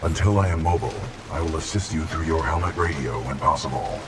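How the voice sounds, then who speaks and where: Rusty, rebooting war robot. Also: male voice, fast, background noise. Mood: formal, steady. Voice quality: very deep, flat and mechanical. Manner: clipped, formal status reports. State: rusty, low on power, rebooting. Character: damaged giant male war robot, calm and formal. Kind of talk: video game acting. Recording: distant voice over game music.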